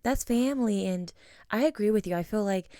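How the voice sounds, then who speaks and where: A woman's voice: mid-range voice, a little fast, no room sound. A young adult woman co-hosting a podcast in casual, emotional chat, full of fillers. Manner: emotional, animated, many fillers. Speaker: podcast co-host.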